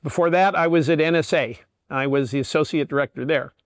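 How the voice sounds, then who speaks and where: A man's voice: fairly high pitch, brisk, dry recording. Older man lecturing methodically, dry sound. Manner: plain, methodical explaining. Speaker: guest lecturer. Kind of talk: public lecture.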